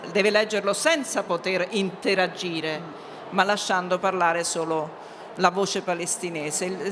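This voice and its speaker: A woman moderating a panel at a book event, speaking in a measured way with frequent hesitation sounds. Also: mid-range voice. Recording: reverberant hall with faint background noise.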